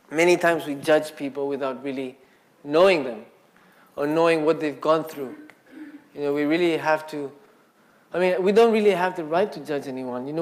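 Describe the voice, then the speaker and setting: Easygoing man telling a dharma story. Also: on the high side. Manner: casual and conversational, filler-heavy, acts out quotes. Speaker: speaker at a Buddhist centre. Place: indoor Buddhist centre talk.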